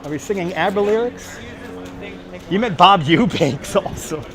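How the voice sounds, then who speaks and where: A man's voice: high voice, animated, moderate pace, fairly bright tone. A middle-aged man with a Brooklyn accent hosting a casual walking live stream outdoors in the city, chatting and repeating himself. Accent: Brooklyn, New York. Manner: chatty, reading and answering viewers aloud, repeats himself. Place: outdoors on busy Manhattan streets. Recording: street noise, outdoor city ambience.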